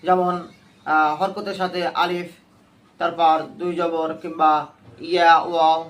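High-voiced man teaching a Quran class. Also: level tone, measured pace. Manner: drills students with repeated questions. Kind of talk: call-and-response class lesson.

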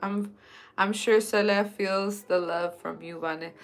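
A woman's voice: medium pitch, steady tone, slow pace. Joking Spanglish woman. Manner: joking, switches between Spanish and English. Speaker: vlogger. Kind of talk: casual chat.

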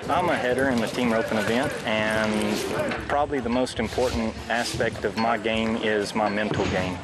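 A man's voice: on the low side, steady tone, normal speed. A young man from West Texas, a college rodeo roper, speaking in an interview soundbite. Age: young adult. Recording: busy rodeo arena noise, horse sounds.

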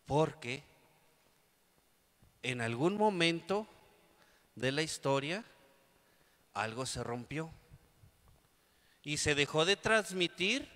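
Man, Mexican priest, sermon, storytelling, bright tone, hall reverb. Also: fairly high pitch, big pitch swings, slow, long pauses. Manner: storytelling, acts out quotes. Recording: long reverb of a large hall.

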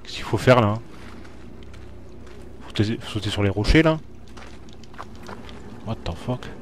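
A man's voice: lowish voice, animated, unhurried, slight background noise. A man playing a horror video game and commenting live for viewers, jumpy and talking to the screen. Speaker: let's play gamer.

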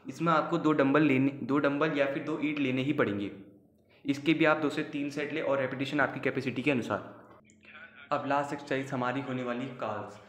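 A man's voice: medium pitch, steady tone, a little fast, fairly bright tone, reverberant. A man hosting a fitness channel, giving casual, upbeat home workout instructions and urging viewers on.

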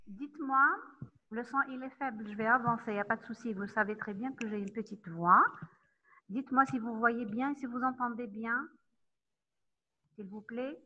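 A woman lecturer teaching an online class, talking haltingly with many fillers and checking in often with her students. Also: fairly high pitch. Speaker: university lecturer. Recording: tinny phone-like line.

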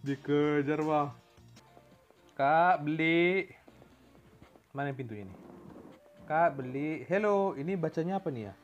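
A man's voice: on the high side, expressive, normal speed, pauses often, dull audio, soft background music. A man from Indonesia doing playful let's-play game commentary, making engine noises and mixing in English words. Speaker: gamer.

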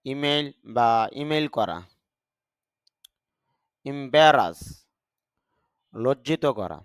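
Slow deliberate Bengali teacher, man. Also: mid-range voice, smooth, no room sound, clean studio sound. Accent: Bangladeshi Bengali. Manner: deliberate, spells out pronunciation. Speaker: English vocabulary teacher. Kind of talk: slow vocabulary lesson, word then meaning.

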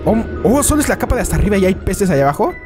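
A Mexican man giving casual, animated reaction commentary on short videos at a desk microphone, laughing often and breaking into quick exclamations. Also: high voice, over music. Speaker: YouTuber reacting to clips.

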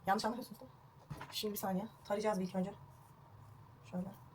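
Fast-talking chatty young woman vlogger. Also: medium pitch, background noise. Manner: chatty, self-mocking, swearing, excitable. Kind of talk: casual home haircut vlog. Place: at home indoors.

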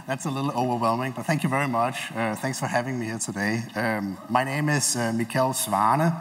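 A man's voice: medium pitch, fairly quick, slight background noise. Man speaking in a reverberant hall. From Denmark. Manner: relaxed, hesitant, many filler sounds. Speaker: keynote speaker. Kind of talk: conference keynote talk. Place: large conference stage before an audience. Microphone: headset mic.

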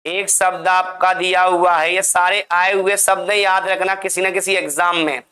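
Male teacher, high-pitched bright voice, repetitive drilling lesson. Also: little pitch movement, moderate pace. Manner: repetitive, drilling words to students. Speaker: Hindi teacher. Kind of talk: classroom spelling lesson.

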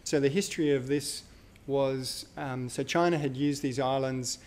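A man's voice: medium pitch, fairly even intonation, normal speed, a little mellow, a little hiss or hum. A man giving a live university lecture, talking casually with fillers and self-corrections. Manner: conversational, thinks aloud with fillers and self-corrections.

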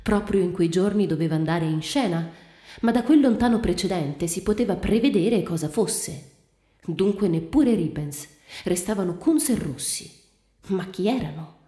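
Dark-voiced woman reading a story. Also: fairly low pitch. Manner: measured, even storytelling. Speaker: reader. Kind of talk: literary audiobook reading. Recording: roomy reading with faint music.

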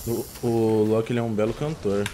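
A man's voice: on the low side, level tone, a little fast, dark tone, slight background noise. A young man with a Brazilian accent, chatting casually as he streams a game from a room indoors. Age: young adult. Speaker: gaming streamer. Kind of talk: casual chat while gaming. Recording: music playing behind. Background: music.

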